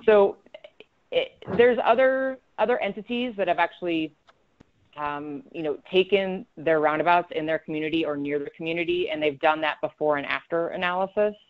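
A woman's voice: low voice, moderate pace. A woman presenting a webinar as a road safety engineer, talking conversationally with frequent ums and self-corrections. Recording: slightly dull lo-fi audio.

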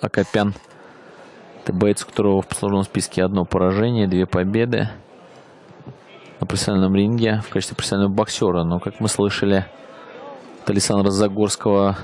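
A man giving live boxing commentary in short, halting bursts of phrases. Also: lowish voice, a little mellow.

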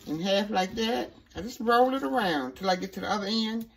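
A woman hosts a home cooking show, chatting in a folksy way through each step in her kitchen and saying "okay" often. Her voice is medium-pitched with lively intonation and a fairly quick pace, recorded in a noisy home kitchen.

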